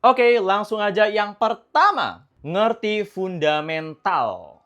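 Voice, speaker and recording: A woman's voice: mid-range voice, animated, slow pace, a bit bright, lo-fi sound. A young woman giving casual, chatty, encouraging English-learning tips in a vlog. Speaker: English tutor vlogger.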